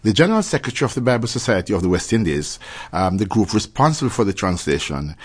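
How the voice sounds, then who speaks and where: A Jamaican man talks in a low-leaning, husky voice. He explains things conversationally as an interview guest, choosing his phrases with deliberate care. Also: sing-song. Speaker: interview guest, church leader and former pastor.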